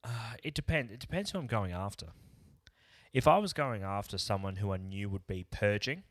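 Low-voiced man, rambling and jokey. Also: animated, normal speed, dry recording, studio quality. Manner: rambling, jokey, tries silly accents. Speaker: podcast co-host. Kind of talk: casual chat.

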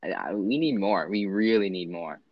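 A young man in casual chat with a friend, joking and animated, laughing often. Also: low voice, moderate pace, no echo, muffled recording.

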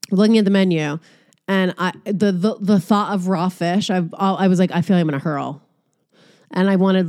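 A young adult woman chatting casually as a vlogger, telling a story in an animated, profane way and acting out quotes. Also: fairly low pitch. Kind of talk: casual chat.

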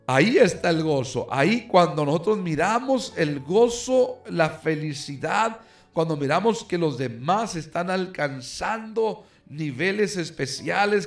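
Gravelly fervent male preacher. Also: high voice. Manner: fervent, with call-and-response asides. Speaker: pastor. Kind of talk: sermon.

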